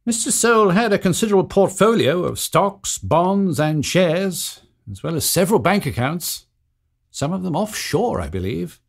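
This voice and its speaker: Punctilious solicitor male actor, officious and precise, animated intonation, audio drama role. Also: sits high, normal speed, vocal fry, full character voice. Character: formal, punctilious solicitor executing a will.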